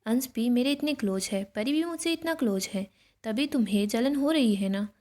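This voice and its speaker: This is a proud young woman who needles and taunts, read out by a woman narrating a serial recap. Her voice is fairly high, and the mocking comes through in the wording more than in any put-on sound. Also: animated, moderate pace, dark tone, natural voice. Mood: taunting. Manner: mocking, provoking.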